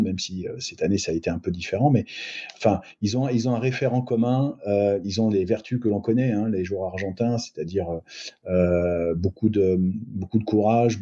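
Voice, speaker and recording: A man's voice: deep voice, mellow, slightly rough. A middle-aged man as a podcast guest, giving thoughtful rugby analysis with many hesitations and restarts. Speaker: guest sports agent. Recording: muffled lo-fi recording.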